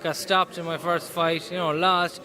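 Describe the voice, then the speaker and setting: A man's voice: a little high, flat delivery, a little slow, bright, forceful tone. A man with a west of Ireland Mayo accent answering interview questions casually as a boxer, earnest and often repeating his phrases. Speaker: professional boxer being interviewed. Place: indoors in a boxing gym. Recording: busy gym noise behind voice.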